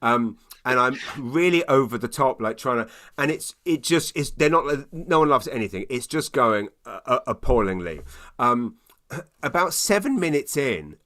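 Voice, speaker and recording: British man, stand-up comic, mid-range voice, self-deprecating, animated anecdote, stumbling repeats, conversational. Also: medium pitch, moderate pace. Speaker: stand-up comedian, guest.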